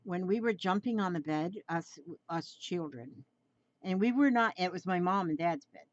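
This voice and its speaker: A woman's voice: fairly low pitch, lively intonation, moderate pace, highs cut off. A woman in her seventies chatting through a drawing tutorial, rambling and coaxing, often repeating her phrases. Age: 70s.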